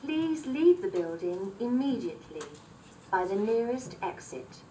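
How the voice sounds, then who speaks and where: A woman giving a formal, measured fire alarm announcement over a building's PA loudspeaker. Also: on the high side, big pitch swings, very noisy. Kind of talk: formal public address announcement. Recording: distant PA speaker heard from across a hearing room.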